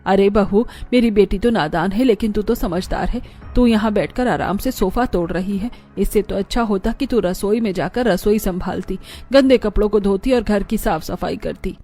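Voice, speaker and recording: A man doing a bossy cartoon mother-in-law, scolding, mellow dark tone. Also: high-pitched, moderate pace, soft background music, voice pushed up, close to an everyday voice. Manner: scolding, sharp. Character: stern scolding middle-aged mother-in-law. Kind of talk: cartoon voice acting.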